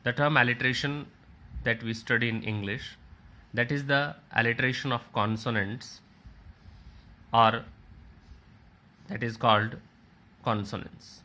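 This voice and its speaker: A man lecturing on literature at an unhurried pace. His voice is bright and clear, and he repeats each definition in new words. He points his listeners through examples on a slide. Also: medium pitch, steady tone. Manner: slow, explains by restating and rephrasing.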